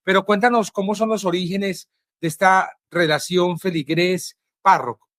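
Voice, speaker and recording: A male journalist with a Colombian Spanish accent, introducing his guest and asking questions in a measured, earnest way with frequent pauses. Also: sits high, steady tone, fairly bright tone, no room sound, clean studio sound. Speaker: journalist and interviewer.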